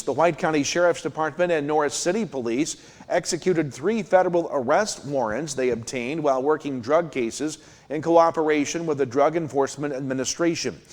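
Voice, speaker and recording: A man's voice: medium pitch, darkish tone. An American man reading a scripted local newscast as its anchor. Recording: long hall-like reverb.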